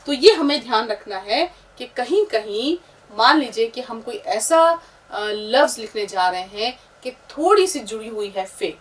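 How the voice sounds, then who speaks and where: Female teacher, higher voice, patient explainer, mic a touch distant. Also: a bit bright, a little hiss or hum. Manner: patient, explaining, pointing at letters as she writes. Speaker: Urdu teacher. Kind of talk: step-by-step script lesson.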